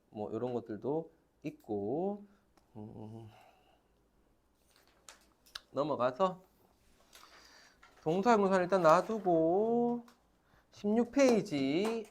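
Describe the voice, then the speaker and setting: A man lectures a classroom on grammar, repeating each key term with emphasis. His pitch swings widely as he talks. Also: expressive, slow, pauses often. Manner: emphatic, repeats key terms, calls on students. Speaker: teacher.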